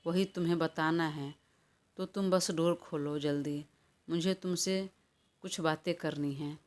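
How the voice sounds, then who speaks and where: A woman's voice: low-pitched, steady tone, unhurried, a little mellow. A woman reading an audio story, voicing a stubborn, hot-tempered young woman in a quarrelsome, defiant manner. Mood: demanding. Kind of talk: audiobook character voice.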